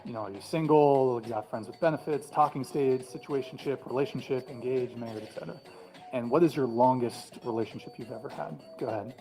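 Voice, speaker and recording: A man's voice: mid-range voice, brisk, mellow, soft background music, poor audio. A man hosting a panel show, asking guests blunt questions in a casual, joking way and swearing now and then.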